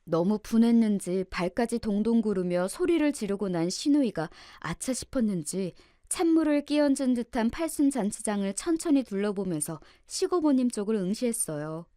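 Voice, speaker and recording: A woman narrating a family drama story in the first person, steady and dramatic. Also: on the high side, moderate pace, hardly any pauses, no room sound, clean studio sound.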